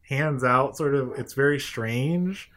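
A man's voice: mid-range voice, takes it slowly, a bit bright. A young man in casual chat, thoughtful and hedging, often agreeing with his co-host.

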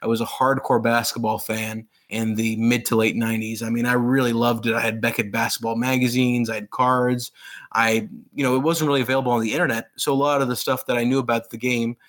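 A man in his thirties, raised in Pakistan, talking as an interview guest about his work. He speaks eagerly and loosely, piling on fillers and restarting sentences. His pitch sits in an ordinary middle range. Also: flat delivery, fairly quick, fairly bright tone. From grew up in Pakistan. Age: 30s. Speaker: author being interviewed. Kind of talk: casual interview storytelling.

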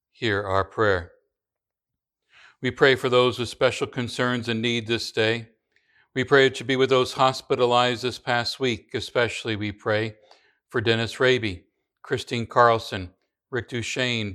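A man leads a congregation through the creed and the prayers of the church. His voice is smooth and resonant and sits at an ordinary pitch. The reading is slow and measured, with a few small restarts. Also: a bit bright. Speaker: pastor.

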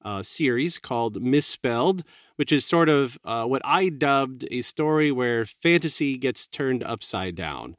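A man's voice: medium pitch, lively intonation, unhurried, no room sound, studio quality. A man hosting a casual interview, asking a guest questions in a friendly way and making puns. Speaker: podcast host.

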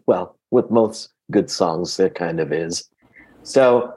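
This man speaks with a fairly low pitch and a somewhat dark tone. He's a native Greek speaker who grew up in Queens, New York, from early childhood, and he appears as an interview guest and actor, sharing personal stories conversationally.

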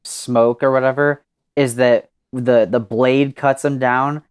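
A young man co-hosting a podcast, brainstorming a story in a rambling, excited way with plenty of swearing. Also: mid-range voice, slow, clear, resonant tone. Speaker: podcast co-host.

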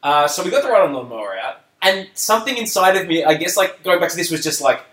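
Man, podcast co-host, lively pitch, echoey room. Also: quick pace. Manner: animated, storytelling, laughs often. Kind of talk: casual movie chat.

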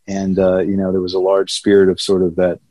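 A man's voice: deep voice, monotone, fairly quick, mellow, dry recording, lo-fi sound. A middle-aged American man from Atlanta chatting as an interview guest in an informal, rambling, folksy way. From Atlanta, Georgia, United States. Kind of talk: casual conversational interview.

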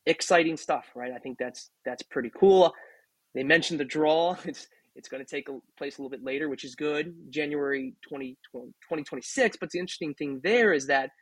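A man's voice: fairly high pitch, fairly quick, fairly bright tone, dry recording, rough recording. A man hosting a casual sports podcast, chatting and often asking "right?". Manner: chatty, rhetorical questions with "right?". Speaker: podcast host. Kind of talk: casual rugby talk.

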